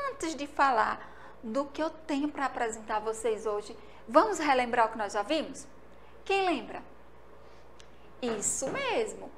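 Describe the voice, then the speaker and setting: Slow, high-voiced Brazilian woman teacher. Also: slight background noise. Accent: Brazilian Portuguese, Sergipe. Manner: slow, sing-song syllable drilling with questions to the class. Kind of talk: remote lesson for young children. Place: school studio.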